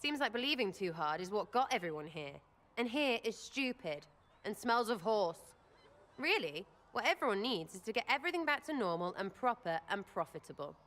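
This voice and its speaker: A woman's voice: medium pitch, very animated, normal speed, a bit bright. An actress playing a blunt, sarcastic young woman archer in a video game, crude and irreverent. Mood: flippant. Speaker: companion character in a video game.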